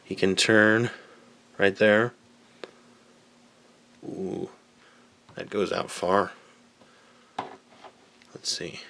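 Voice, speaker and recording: Low-voiced man chatting through a toy review. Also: extremely slow, gravelly, pauses often, a little hiss or hum. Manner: relaxed, chatty, many fillers. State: slightly out of breath. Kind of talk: casual product review. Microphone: camera mic on tripod.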